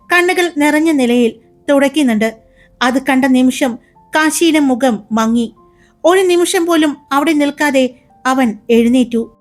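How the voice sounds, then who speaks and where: A woman storyteller with a high voice reads a serialized romance in a smooth, dramatic manner. Quiet music plays softly behind her narration. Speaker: storyteller, channel host.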